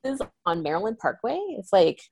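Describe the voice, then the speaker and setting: A woman's voice: fairly low pitch, animated, brisk, gravelly, darkish tone, no echo. A woman co-hosting a podcast in casual chat, blunt and offhand with casual swearing. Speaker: podcast co-host.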